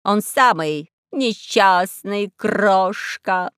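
A woman's voice: mid-range voice, very slow, a bit bright, clear, resonant tone, no room sound, studio quality. A woman voicing a sly, greedy, self-pitying old female crow in an audiobook, with a drawling, wheedling delivery. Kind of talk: audiobook character voice.

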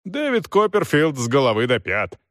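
A stern, domineering older aunt from an audiobook, voiced by a male reader, pitched a little low. She speaks in curt, commanding phrases and brushes every objection aside, with a lively rise and fall. The sound is close and dry. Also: moderate pace, no echo. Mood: brusque.

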